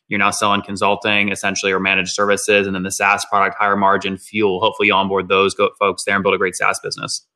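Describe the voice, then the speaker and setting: A male host runs a business interview at a fast clip, with a lowish, bright voice. His delivery stays flat and clipped as he recaps figures. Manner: brisk, clipped, summarizing numbers. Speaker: podcast host. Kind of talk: business interview, quick questions.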